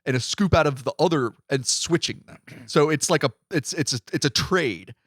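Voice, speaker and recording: Podcast co-host, man, lively rambling talker, slightly high voice, dry close sound. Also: normal speed, dry recording. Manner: rambling, self-correcting storyteller. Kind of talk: casual podcast chat.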